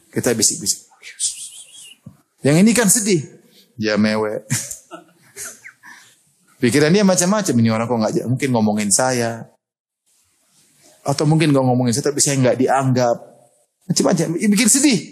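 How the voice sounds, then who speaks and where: Male preacher, husky, raised pitch, animated storyteller, lively sermon delivery. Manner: animated storytelling, laughs often.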